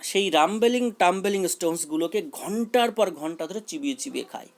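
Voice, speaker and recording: A man's voice: sits high, lively intonation, a little fast. A man teaching a school English poem, repeating key words and mixing English terms into his explanation.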